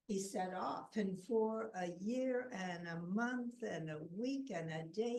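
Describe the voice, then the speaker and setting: Slow, deliberate woman storyteller. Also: mid-range voice, dark tone, far from the mic, poor audio. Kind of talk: folk tale told to an audience.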